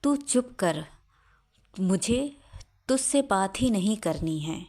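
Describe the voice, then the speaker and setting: A woman's voice: mid-range voice, expressive, takes it slowly, a little mellow. A woman voicing an angry, stubborn elderly mother-in-law who scolds and insists. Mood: scolding.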